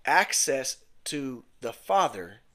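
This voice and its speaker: A man's voice: mid-range voice, sing-song, slow pace, sharp tone. A man preaching a sermon at a home fellowship, earnest and emphatic, sometimes restarting a phrase. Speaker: pastor.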